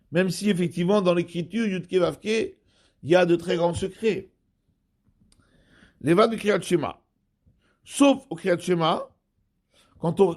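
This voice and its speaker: A man, a rabbi giving a Torah study lesson, explaining slowly and repeating and rephrasing terms. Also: high voice, a little mellow.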